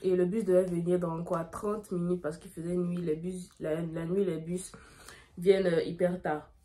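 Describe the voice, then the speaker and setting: A young woman, telling a dramatic story in a lively way while doing her makeup. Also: lowish voice, moderate pace. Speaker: beauty vlogger.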